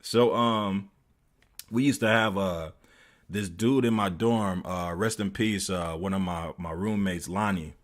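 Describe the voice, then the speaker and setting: A man's voice: deep voice, measured pace. An American man streaming, loosely retelling a story with many fillers. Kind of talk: casual storytelling.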